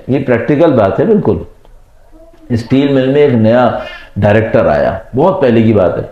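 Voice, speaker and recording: A man, a cleric giving a night sermon and telling parables, acting out the voices of the people in his stories. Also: mid-range voice. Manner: tells parables with acted voices of children and managers. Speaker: Shia cleric. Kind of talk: sermon with storytelling. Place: religious gathering at night. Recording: dull echoey hall.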